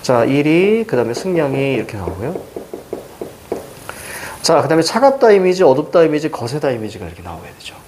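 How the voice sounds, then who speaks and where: A middle-aged man teaching Korean literature for exams, lecturing in a lively way and firing quick questions at his students. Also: a little high, slight background noise. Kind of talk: exam-prep lecture.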